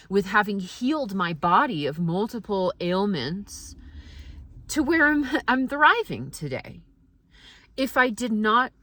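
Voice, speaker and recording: A woman vlogger giving a casual, motivational monologue, speaking candidly and reflectively with halting pauses. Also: medium pitch, a bit bright, no echo.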